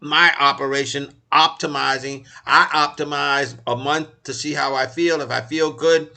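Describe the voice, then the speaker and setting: A man's voice: medium pitch, fairly even intonation, moderate pace, vocal fry, pushed and bright. A man in his eighties co-hosting a casual talk show, earnest, often repeating and restarting words. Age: 80s. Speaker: co-host.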